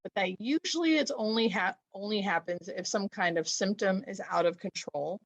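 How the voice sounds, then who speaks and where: A woman's voice: medium pitch, moderate pace. An American woman talking as a hospice nurse, explaining things casually in conversation.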